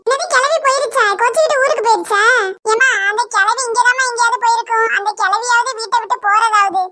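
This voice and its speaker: A voice actor playing an excitable young village boy in a cartoon, with a Kanyakumari Tamil accent and a loud, exclamatory way of talking. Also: very high voice, quick pace, very noisy. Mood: teasing. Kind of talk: cartoon voice acting.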